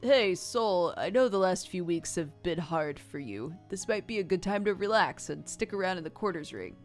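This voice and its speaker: A woman voicing a gentle, reassuring father in story game dialogue. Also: fairly low pitch, lively intonation, normal speed, soft background music, close to an everyday voice. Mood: gently concerned.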